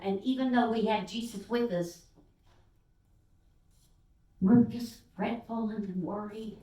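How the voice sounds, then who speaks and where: An older woman from Texas, a guest speaker giving a sermon, telling stories with fillers and acting out the voices of the people in them. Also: medium pitch. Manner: animated storyteller who acts out voices, with fillers. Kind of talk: storytelling sermon. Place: church sanctuary. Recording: roomy sound from a distance.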